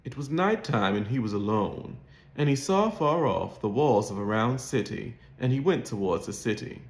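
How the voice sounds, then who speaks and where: A man's voice: medium pitch, expressive, moderate pace. A man with a modern Mid-Atlantic accent, reading in a formal, carefully enunciated, scripted literary style. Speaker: host of an accent practice channel. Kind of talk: scripted read-aloud of a literary short story. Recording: roomy, echoing sound.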